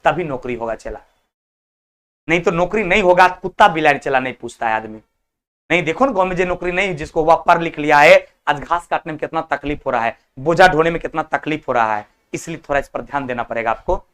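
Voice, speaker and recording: A man's voice: a little high, fast, a bit bright, clear, resonant tone. A male teacher, lecturing an online exam-prep class in a scolding yet affectionate, colloquial way. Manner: colloquial, repeats words like 'chala' and 'babu'.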